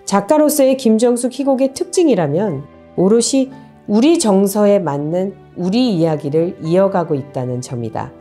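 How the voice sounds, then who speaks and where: A woman reading scripted documentary narration in a formal, smooth way. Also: medium pitch, lively intonation, moderate pace, mellow, soft background music.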